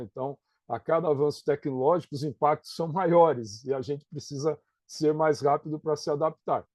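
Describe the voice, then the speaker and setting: A man's voice: on the high side, a little mellow, no room sound. A middle-aged man with a Brazilian Portuguese accent, a professor explaining things in an interview, often checking in with "né?" and "tá?". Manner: conversational, tags points with "né?" and "tá?".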